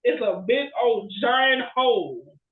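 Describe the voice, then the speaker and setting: A high-voiced man co-hosting a podcast chats casually about movies at a slow pace, retelling plots in an animated way and often seeking agreement with frequent "right?" check-ins. The recording is echoey and somewhat muffled, with limited bandwidth.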